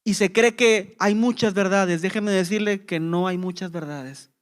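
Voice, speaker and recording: High-pitched pastor guy preaching hard, rhetorical questions, rising and falling. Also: measured pace, clean tone. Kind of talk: sermon.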